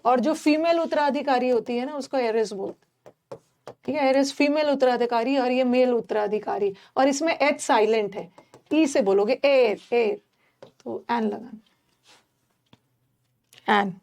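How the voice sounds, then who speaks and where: A woman teaching a class, explaining pronunciation slowly and repeating each sound for her students. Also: sits high, darkish tone. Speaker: English teacher. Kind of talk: classroom lesson.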